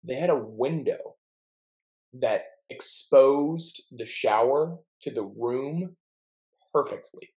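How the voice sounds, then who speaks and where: A young man co-hosts a podcast, telling stories in a chatty, joking manner and mangling words for fun. His medium-pitched voice is slow and a little mellow, and the recording quality is rough.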